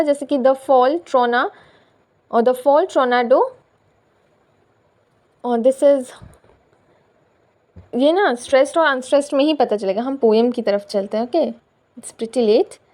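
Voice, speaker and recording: A woman's voice: sits high, darkish tone. A woman with an Indian accent teaching a poetry lesson, mixing Hindi and English, explaining step by step and checking in with her students often. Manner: explains step by step, often repeating "theek hai"; reads English lines slowly and carefully.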